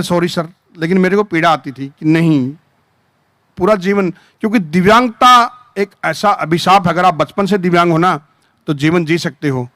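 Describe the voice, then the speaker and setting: Animated man telling an emotional story. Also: fairly high pitch, dry recording. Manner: animated, acts out quoted dialogue. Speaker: army veteran speaker. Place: event hall.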